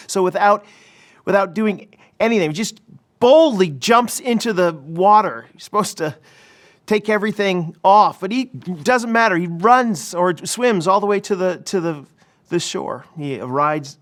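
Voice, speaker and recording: A pastor preaching at a church service, retelling a story in a lively way with frequent restarts. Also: male voice, high voice. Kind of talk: sermon.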